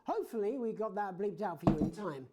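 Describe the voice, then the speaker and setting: A polished British news anchor. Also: male voice, high-pitched, animated, fast talker, heavy background noise. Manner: polished, dry anchor delivery. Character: smooth male news anchor.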